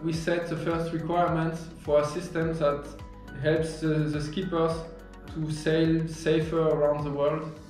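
A man in his thirties, an engineer explaining his product to camera in a halting, earnest way with many restarts. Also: fairly high pitch, flat delivery, a little mellow. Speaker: engineer and founder of a marine detection product. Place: office room, indoors. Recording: very echoey office with faint music.

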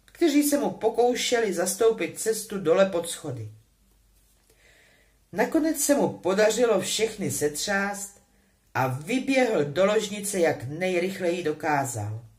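A woman reading a novel aloud with an expressive, animated delivery. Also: mid-range voice. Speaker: audiobook reader.

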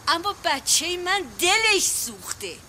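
A woman's voice: extremely high pitch, big pitch swings, bright, forceful tone, a little hiss or hum, full character voice. An actress playing a protective, fussing aunt and mother who lectures in folksy sayings. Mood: lecturing. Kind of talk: Persian TV comedy series acting.

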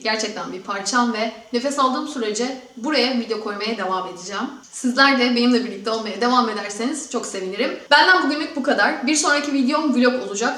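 Female vlogger, mid-twenties, fairly high pitch, casual chat to viewers, echoey room. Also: a bit bright. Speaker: YouTube vlogger and host. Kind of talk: casual vlog talk to viewers. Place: echoey room in a newly moved-into home.

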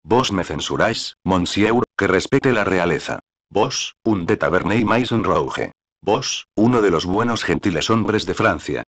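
A man voicing a proud, reserved young gentleman who answers his father coldly and with dignity. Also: low voice, animated, measured pace, heavily acted. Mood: indignant. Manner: cold, dignified.

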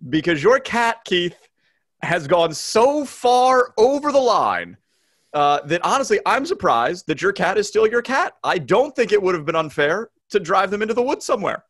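A man's voice: high voice, lively intonation, fairly quick, hardly any pauses, fairly bright tone, dry recording. A man co-hosting a podcast from a small home studio room, bantering in a teasing, mock-outraged way. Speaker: podcast co-host. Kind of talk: casual chat.

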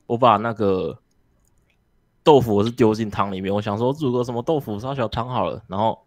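A man's voice: fairly low pitch, brisk, darkish tone, no echo. A man telling a story in a casual group chat, swearing casually as he goes.

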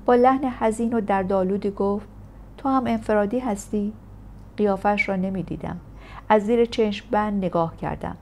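A woman narrating a first-person memoir in a steady, measured audiobook reading. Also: mid-range voice, slight background noise. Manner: steady, measured storytelling delivery.

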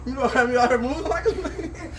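A woman's voice: sits high, fast talker. A woman taking a food challenge, reacting casually and mumbling with her mouth full. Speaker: challenge contestant. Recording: noisy, distant from the mic.

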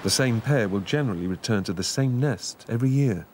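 A man narrating a scripted nature documentary in a measured, informative way. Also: medium pitch, expressive, darkish tone, slight background noise.

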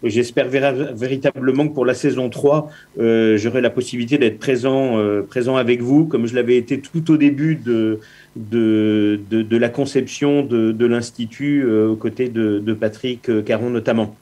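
A man in his fifties giving a formal, halting address by video call from an indoor office, repeating words often. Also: mid-range voice, steady tone, warm tone. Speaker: network director.

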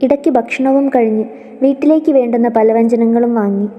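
A woman storyteller narrating a story in a steady, tender manner. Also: on the high side, brisk, big-room sound, lo-fi sound.

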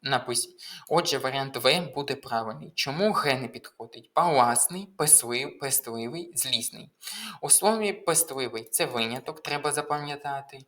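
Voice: mid-range voice, moderate pace, a bit bright. Methodical tutor explaining exam answers. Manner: methodical, explains step by step with frequent hesitations. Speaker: language tutor. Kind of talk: exam walkthrough lesson.

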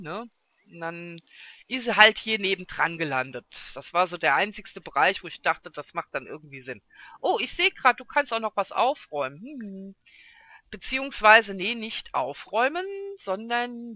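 A man's voice: high voice, sharp tone, no echo. A man casually commenting on his own gameplay as a let's play host, chatting to and coaxing the game characters along.

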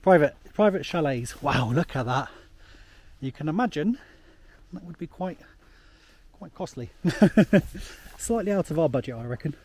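A travel vlogger chats casually while hiking a snowy path, filming himself on a camera held at arm's length outdoors. His voice is a little high, animated, darkish, and a little slow with long pauses, and he rambles, laughs often, and uses many fillers.

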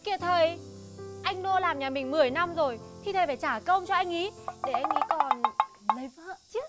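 A woman playing a quick-tempered village wife who argues sharply in a comedy film. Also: very high-pitched, over loud music. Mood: coaxing. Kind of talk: comic film acting.

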